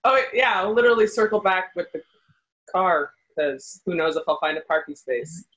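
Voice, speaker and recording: A woman guest on a casual podcast, telling stories in an animated, playful way. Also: fairly low pitch, normal speed. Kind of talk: casual chat.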